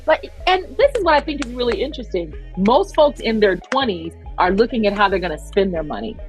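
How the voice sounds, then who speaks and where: A woman's voice: mid-range voice, expressive, a little fast. Woman interviewing, upbeat, keeps saying yes and asking stuff, faint music behind. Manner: upbeat, affirming, asks questions. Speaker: podcast guest host. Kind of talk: casual interview.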